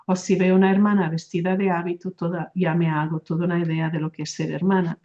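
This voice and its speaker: A woman with a Portuguese accent answers interview questions in a calm, reflective way, checking in with a soft "no?" as she talks. Her voice sits low and mellow, with a flat, even melody. The recording sounds a little dull and lo-fi. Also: fast talker. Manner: thoughtful, often adds "¿no?" tag questions. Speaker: religious sister.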